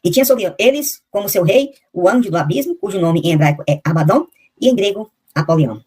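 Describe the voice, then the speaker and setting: A woman giving a Bible lesson on a video call, reading out lists of names and verses and slowing down to sound out the foreign ones. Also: medium pitch, animated, a little mellow, slightly rough. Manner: reads out name lists and verses, slowly spelling out foreign names. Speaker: Bible teacher. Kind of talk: explanatory Bible lesson with slides.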